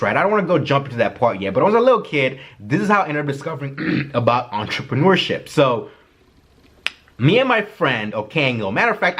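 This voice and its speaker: A young Kenyan man in his early twenties, a vlogger, tells casual personal stories to the camera. He's chatty and animated with a lively pitch, often poking fun at himself.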